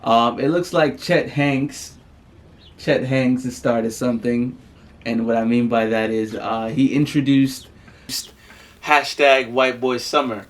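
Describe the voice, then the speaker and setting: A man co-hosting a podcast in casual chat, laid-back and joking, often trailing off quietly at the end of a thought. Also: medium pitch, fairly even intonation, slow, far from the mic. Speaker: podcast co-host.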